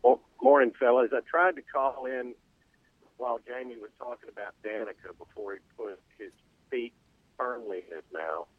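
A man's voice: medium pitch, moderate pace, husky, dry recording. A male caller telling a rambling story, with many restarts, over a buzzy, glitchy cell call that keeps cutting out. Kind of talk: casual phone-in storytelling. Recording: tinny dry phone line.

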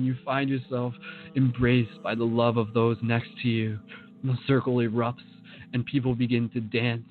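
A man leading a guided meditation in a slow, soothing manner, speaking to the listener in the second person. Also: mid-range voice, narrow, tinny audio.

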